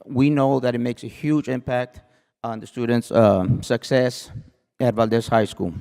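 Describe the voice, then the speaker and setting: A man's voice: medium pitch, steady tone, a little slow, creaky, a little mellow. Emcee, adult man, formal thank-you reading, long hall reverb. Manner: formal, reads names with small stumbles.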